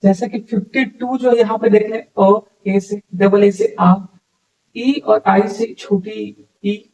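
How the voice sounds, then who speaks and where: A man teaching English pronunciation in a lesson, saying example words slowly and repeating them, often checking with a quick "okay". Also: high voice, steady tone, a little mellow, far from the mic, low-quality recording. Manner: explains sounds slowly, repeats words, keeps checking with "ठीक है". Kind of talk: classroom-style lesson.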